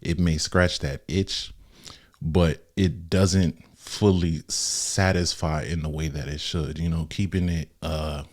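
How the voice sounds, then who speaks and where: Brief: young male podcast host, very low voice, laid-back faith talk full of slang. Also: slow. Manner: relaxed and conversational with slang.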